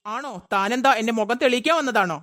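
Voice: medium pitch, quick pace, a bit bright, lightly acted. A performer voicing a curt, irritable male office boss in a cartoon. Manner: curt, dismissive.

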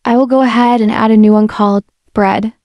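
Friendly woman walking through software. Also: fairly high pitch, brisk, dry recording, highs cut off. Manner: relaxed, friendly step-by-step explaining. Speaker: software demo presenter. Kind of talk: casual screen-recorded software walkthrough. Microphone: voice-over mic.

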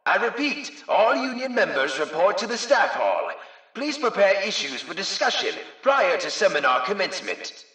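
A man's voice: sits high, sing-song, moderate pace, voice pushed up, heavily acted. A man putting on the voice of a formal staff announcer heard over a PA system, stiff and official. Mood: officious. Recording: echoey distant loudspeaker sound.

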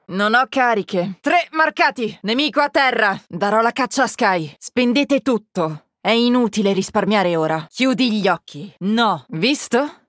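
A voice actress dubs a menacing young woman agent in a video game, giving cold, taunting, clipped callouts with cool menace. Her fairly high, fairly bright voice is animated but measured, recorded dry on a close studio mic with no room sound.

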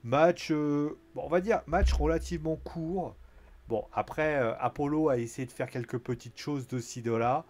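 A man's voice: a little high, normal speed, darkish tone. A man giving a casual, chatty recap of a wrestling show, full of fillers and acted-out quotes. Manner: chatty, lots of fillers, acts out quotes in a raised voice.

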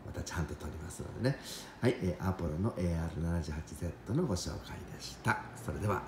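A man who runs a piano shop, showing off a piano late at night and talking in a deliberately quiet, half-whispered way. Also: sits low, expressive, reverberant, noisy background. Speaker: piano shop owner presenting a piano. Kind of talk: hushed late-night product demo. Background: soft piano playing.

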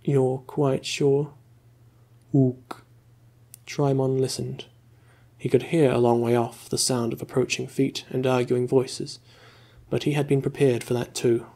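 A man reading a story aloud in a slow, calm, soothing ASMR voice, close to the mic. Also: mid-range voice, gravelly. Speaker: ASMR reader.

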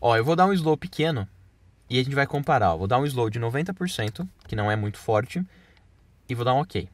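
Brief: male software tutor, quick casual walkthrough, mid-pitched. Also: lively intonation. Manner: casual, explains step by step to viewers. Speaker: video editing instructor. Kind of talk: screen-recorded software tutorial.

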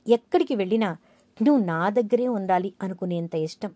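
A woman's voice: mid-range voice, a little fast, warm tone, dry recording, close to an everyday voice. Woman voicing a playful young husband, teasing, coaxing, dry close sound. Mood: teasing, romantic.

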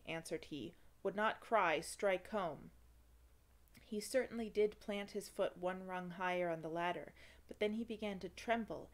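A woman streamer reading an old fairy tale aloud with expressive, dramatic delivery and joking asides. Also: medium pitch.

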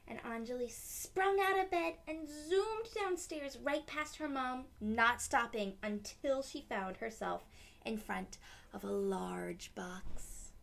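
A young adult woman, a teacher and storytime host, leads a children's read-aloud in a small decorated room indoors, explaining things simply and expressively as she goes. Her voice is fairly high and gravelly.

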